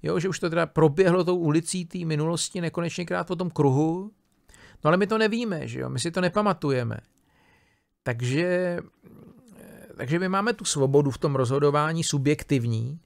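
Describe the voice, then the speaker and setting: A man with a slightly raised, gravelly voice lectures on philosophy. He thinks aloud in a loose, conversational way, breaking off sentences and checking in with his listeners as he goes. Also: fairly high pitch. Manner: casual, thinking aloud with many fillers, restarts and tag questions. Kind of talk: informal spoken lecture on a philosophy text.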